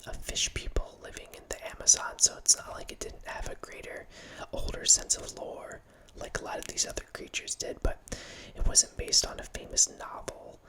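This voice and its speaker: Whispering breathily the whole time, a host in his thirties rambles about horror films ASMR-style, close to a studio mic with headphones in a small home room. He moves at normal speed with hardly any pauses, often restarting and correcting himself, and the audio quality is poor.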